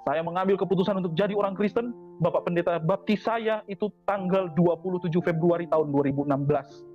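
A man with a notably high voice tells his story to a congregation, repeating key phrases with heartfelt emphasis. The recording is dull and lo-fi. Faint music runs underneath. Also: fast talker. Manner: repetitive, earnest, heartfelt phrasing. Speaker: convert giving a church testimony. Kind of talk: personal testimony to a congregation.

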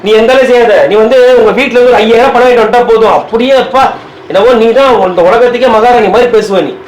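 A man's voice: very high-pitched, rapid-fire, echoey room, slight background noise, poor audio. A man needling his wife in a domestic prank skit, teasing and argumentative. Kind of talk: bickering couple prank. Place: home kitchen.

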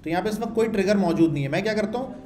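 A man's voice: high-pitched, animated, rapid-fire, warm tone. Man teaching code in an echoey room. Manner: chatty, asks and answers own questions, repeats points. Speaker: programming instructor. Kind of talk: screen-share coding tutorial.

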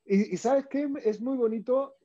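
Peruvian male guest, higher-pitched and dark-toned, acts out quotes in a casual chat. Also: unhurried, highs cut off. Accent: Peruvian Spanish. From Peru. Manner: animated storyteller, acts out quoted dialogue.

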